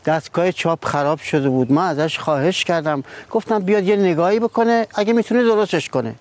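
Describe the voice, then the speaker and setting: A man's voice: high-pitched, no room sound, lightly acted. An actor playing a stern, authoritative older father who speaks in a firm, reproachful way. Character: stern, authoritative family patriarch.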